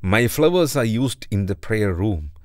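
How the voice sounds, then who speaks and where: A proud hibiscus brags and mocks its neighbours, as a man puts it on. The voice is low and dry. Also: animated, unhurried, dry recording. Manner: boastful, teasing. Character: proud, mocking hibiscus plant.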